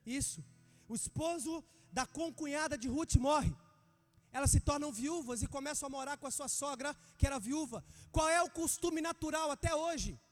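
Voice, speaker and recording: A man in his thirties with a Brazilian Portuguese accent preaching a sermon. He calls out to the congregation with fervor and builds up to shouting. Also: extremely high pitch, moderate pace. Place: church hall. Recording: reverberant church hall.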